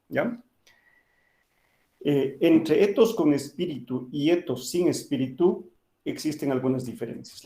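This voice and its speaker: A man's voice: mid-range voice, creaky, mellow. A male teacher giving an online class lecture, explaining patiently and often checking that students follow.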